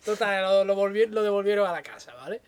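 A man's voice: high-pitched, steady tone, fast talker, smooth. A man, co-hosting a casual chat and telling a story, laughing often as he goes. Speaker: podcast co-host.

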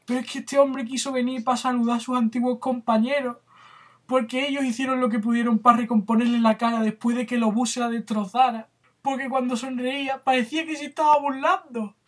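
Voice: medium pitch, little pitch movement, brisk, voice pushed up, natural voice. A host doing a pleading grieving widow. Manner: pleading, tearful. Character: grieving wife of a murdered man.

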